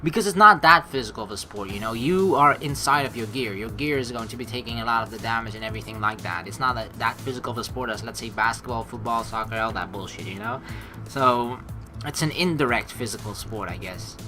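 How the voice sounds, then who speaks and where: Brisk and medium-pitched, a man streams a let's play, talking casually and emphatically, reading game text aloud and swearing now and then. Game background music runs behind him.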